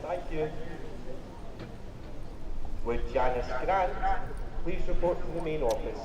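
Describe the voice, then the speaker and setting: A man making polite, formal paging announcements over a venue's intercom loudspeaker. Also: fairly high pitch, slow pace. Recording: muffled intercom heard from afar with background noise.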